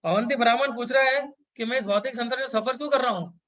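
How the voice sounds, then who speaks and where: A man giving a devotional scripture lecture, chanting Sanskrit verses slowly and mixing in English phrases. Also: very high-pitched, fairly bright tone, lo-fi sound. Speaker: devotional speaker.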